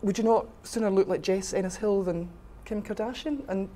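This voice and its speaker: In an informal interview, a middle-aged woman from the west coast of Scotland, a rugby official, gives her views candidly and firmly. Her mid-range voice is warm, her pace normal, her west of Scotland accent clear, with slight background noise.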